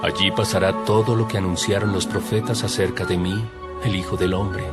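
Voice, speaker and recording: An actor playing Jesus as a calm, solemn teacher in a dramatized audio Bible, speaking in a measured, emphatic way. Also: male voice, low voice, lightly acted. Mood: grave. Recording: background music under the voice.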